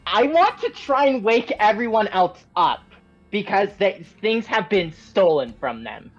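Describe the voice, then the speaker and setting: A woman playing in a tabletop game, eager and quick with her calls, on a dull lo-fi mic. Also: medium pitch, sing-song, soft background music. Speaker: player. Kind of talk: casual tabletop game play.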